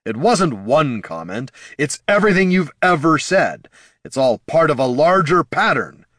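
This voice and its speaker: Man playing a furious young wizard, high-pitched, raised voice, bitter, dry sound. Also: big pitch swings, a little slow, dry recording, heavily acted. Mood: angry. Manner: shouting in anger, then hushed. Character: young male wizard, furious at his father.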